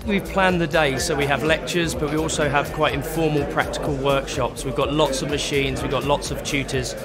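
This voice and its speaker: A man's voice: on the high side, fairly even intonation, a little fast. A man, the course co-founder, explaining the event in an upbeat, fluent interview. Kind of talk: promotional interview. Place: indoor event venue. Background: music bed.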